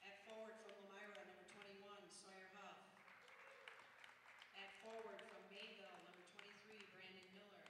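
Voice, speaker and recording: A woman working as a stadium announcer at a basketball game, reading lineups and notices in a formal, measured way over the public-address system. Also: mid-range voice, level tone, over a noisy crowd, heavy background noise. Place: sports hall, heard over public-address speakers. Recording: echoey gym PA from far off.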